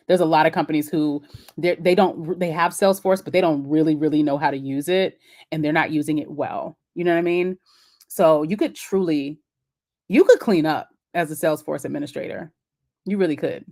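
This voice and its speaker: A woman's voice: low voice, a little mellow. A woman hosting a casual live-stream Q&A about remote work, chatty and encouraging, with many fillers and restarts. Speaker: host of a live Q&A.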